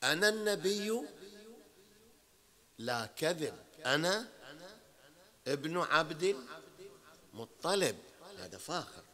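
Speaking slowly with long pauses, this sheikh at a mourning hall has a high, sharp, very animated voice and a Bahraini Arabic accent. His religious lecture is conversational, frequently checking in with the audience and rising to emphatic peaks.

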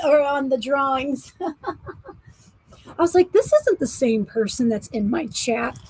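A woman in her forties with a high, breathy, slightly husky voice hosts a live online auction. She talks in an unhurried, easygoing way, laughing often and calling out to viewers by name as she holds up each piece. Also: low-quality recording. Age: 40s. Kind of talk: casual live-stream selling chat.

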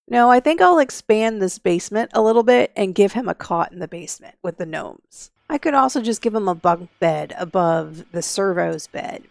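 Woman narrating her sims game, thinking out loud, kinda gravelly, soft music under it. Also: mid-range voice. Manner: chatty, thinking aloud as she plays. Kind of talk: casual gameplay commentary.

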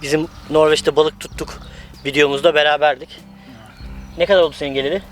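A man's voice: on the high side, fairly even intonation, quick pace, faint music behind. A man hosting a casual vlog outdoors, chatting and commenting in a teasing, joking way. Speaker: vlog host and interviewer.

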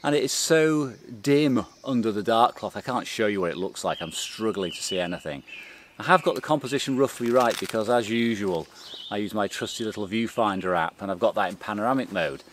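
A middle-aged man with a fairly low voice, talking through his camera gear in a relaxed, step-by-step way. He is outdoors in a forest, recorded on a camera mic a little way off, with faint birdsong behind him. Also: fairly quick, a little hiss or hum. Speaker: photography vlogger. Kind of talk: casual explanatory talk to camera.

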